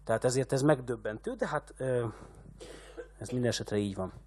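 A man's voice: mid-range voice, darkish tone. A man giving a literature lecture, hesitant and full of filler sounds.

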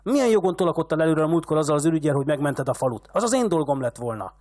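A man reading aloud as a furious old rich village patriarch who shouts insults and rants at a younger man. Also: very high-pitched, animated, voice pushed up.

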